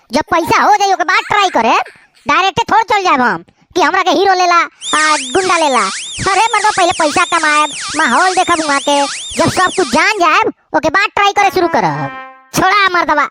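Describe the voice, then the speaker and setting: A woman with a Bhojpuri accent voicing bickering village men and a fussy film director in a comedy cartoon, teasing and stammering through the lines. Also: extremely high pitch. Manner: teasing, quarrelsome banter with stammers. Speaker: cartoon voice actor.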